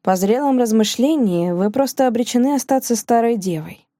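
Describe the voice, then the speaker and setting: A woman voicing a gruff, cynical older gentleman who speaks in a slow, mocking way in an audiobook. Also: fairly high pitch, lively intonation, dry recording, clean studio sound, close to an everyday voice. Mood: sardonic. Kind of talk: audiobook character reading.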